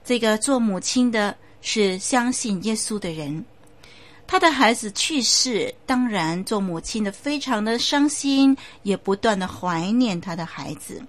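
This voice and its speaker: A woman preacher giving a sermon with storytelling, speaking in a measured, emphatic way with occasional fillers. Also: medium pitch, animated.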